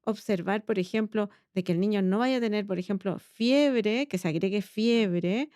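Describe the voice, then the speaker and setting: A woman's voice: mid-range voice, moderate pace, mellow, no echo. Chilean woman pediatrician, dry close sound. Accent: Chilean Spanish. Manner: explains patiently, frequent tag questions. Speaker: pediatrician, podcast host. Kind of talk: casual medical chat.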